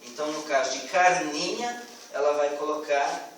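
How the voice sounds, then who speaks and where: A man gives a student class presentation, pausing often with fillers and restarts. His voice sits a little high and is picked up from across a very echoey classroom, with faint hiss behind him. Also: fairly bright tone, distant mic. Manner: hesitant, many fillers and restarts.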